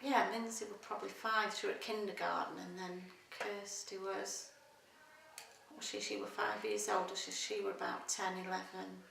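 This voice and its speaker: A middle-aged Yorkshire woman talks in a rambling, chatty way, her voice gravelly and bright. She sounds a little off the mic in a roomy space with faint noise behind. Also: medium pitch, expressive, moderate pace, distant mic. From Doncaster, Yorkshire, England. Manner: chatty, rambling, searching for words. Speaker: interviewee. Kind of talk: casual interview chat.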